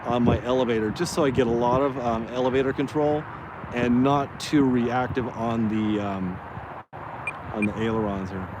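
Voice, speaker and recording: Male hobby pilot, mid pitch, rambling off-the-cuff flight commentary, noisy windy outdoor recording. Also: normal speed. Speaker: radio-control plane vlogger. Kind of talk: casual live commentary while flying a model plane. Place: outdoors by a road in wind. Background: wind and outdoor motor noise.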